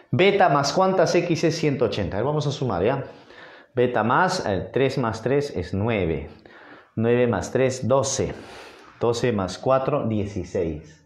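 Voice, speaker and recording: A man's voice: mid-range voice, darkish tone. A man with a Peruvian accent teaching a geometry review lesson at a whiteboard, playful and coaxing with his students. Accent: Peruvian Spanish. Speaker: math teacher. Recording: roomy echoey room sound.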